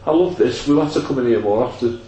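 A man's voice: mid-range voice, fast. A man with a bit of a cold hosting a casual football podcast, rambling and joking with fillers, his voice ringing with strong room echo. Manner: rambling, jokey, trails off with fillers. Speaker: podcast host. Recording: echoey room with faint noise.

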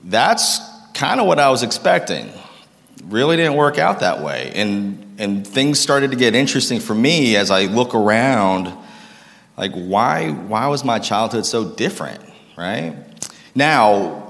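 A man's voice: on the low side, very animated, measured pace, creaky, a bit bright. A man in his thirties from Massachusetts, telling his life story to an audience in a casual, self-deprecating way and joking with the crowd. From Massachusetts, United States. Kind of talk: personal testimony talk to an audience. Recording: long reverb of a large room.

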